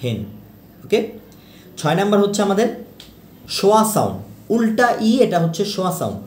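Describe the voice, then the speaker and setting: A man gives a pronunciation lesson, saying each example word again and again and checking in with questions. His voice sits a little high and moves up and down a lot. The room is echoey, with a faint hiss behind him. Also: sing-song. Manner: repeats example words slowly, asks questions. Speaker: English teacher. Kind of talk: teaching pronunciation.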